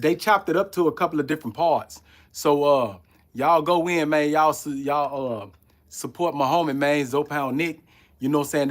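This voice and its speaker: Haitian-born man rambling on a live podcast. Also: on the high side. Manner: loose, rambling street talk full of "you know what I'm saying". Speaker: podcast host. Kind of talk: casual live-stream talk.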